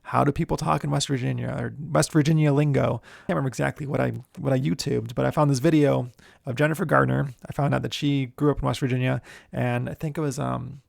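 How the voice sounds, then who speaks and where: A man who hosts a screenwriting show, giving writing tips in a relaxed, chatty way. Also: medium pitch, creaky, no room sound, clean studio sound. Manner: relaxed, chatty, many fillers. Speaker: screenwriter and podcast host. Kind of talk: casual instructional talk.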